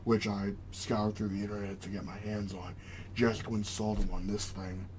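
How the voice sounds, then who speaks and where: Low-voiced young man talking through retainers. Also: little pitch movement, normal speed, darkish tone. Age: young adult. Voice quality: slight slurring lisp from wearing retainers. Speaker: video channel host. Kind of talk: casual rambling vlog. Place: small home room, indoors. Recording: clearly noisy room background.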